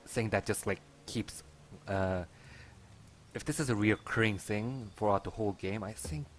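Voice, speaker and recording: A man's voice: lowish voice, moderate pace, slight background noise. A man giving casual, musing gameplay commentary, somewhat hesitant. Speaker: game commentator. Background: faint game music.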